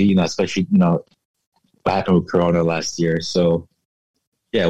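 A man in his thirties, raised in the United States, talking casually as a guest in an interview, relaxed and reflective with lots of "you know". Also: low voice, no room sound, rough recording. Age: 30s. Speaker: guest, fashion entrepreneur.

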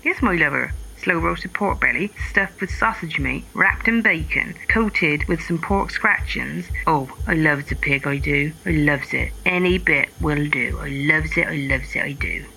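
A man's voice: a little high, a little slow, gravelly, hardly any pauses, sharp tone, a little hiss or hum, full character voice, rough recording. A man voicing a chatty, blunt West Country farm woman who rambles in folksy repeats for a comic radio phone-in. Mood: relishing. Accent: West Country English.

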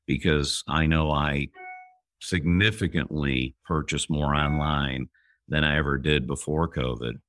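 A man in a casual business conversation as a guest, speaking in a measured way with frequent fillers. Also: a bass voice, fairly bright tone, no echo, clean studio sound.

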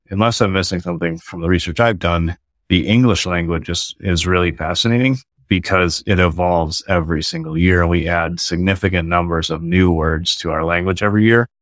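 In a relaxed podcast chat, an American man who is a guest author and company founder lays out his ideas with earnest energy, often starting his sentences over. He has a deep, slightly bright voice, and the recording is dry.

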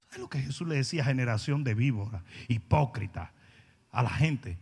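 A man's voice: medium pitch, animated, normal speed, darkish tone, breathy edge, big-room sound. A male pastor preaching a blunt, confrontational sermon, mocking people and acting out their quoted words in voices.

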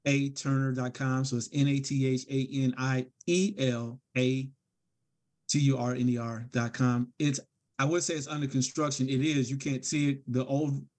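A middle-aged man talks as a guest on a podcast, his voice at an ordinary middle pitch. He tells stories earnestly and reflectively, often restarting his sentences. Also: little pitch movement, normal speed, darkish tone. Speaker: guest author. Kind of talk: podcast interview.

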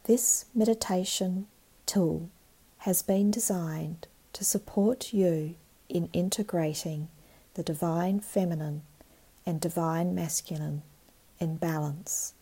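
A woman guiding a meditation in a calm, meditative tone, with a soft, breathy voice and long pauses. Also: on the low side. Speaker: meditation guide. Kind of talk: guided meditation narration.

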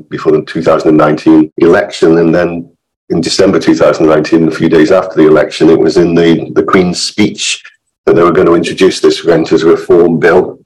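A man with a croaky voice, hoarse from illness, explaining informally as a podcast guest expert with chatty, wry asides. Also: deep voice, a little mellow, low-quality recording.

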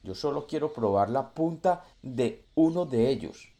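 A man voicing a greedy, envious male puma who speaks low and soft in a storybook tale. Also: lively intonation, measured pace. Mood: coaxing.

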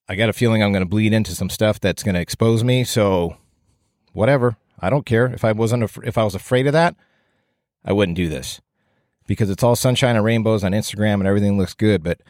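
A man's voice: on the low side, darkish tone, no room sound. A man giving an informal, rambling solo podcast talk in a plain-spoken, self-deprecating way, with audible breaths into a close microphone. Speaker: podcast host and firefighting instructor.

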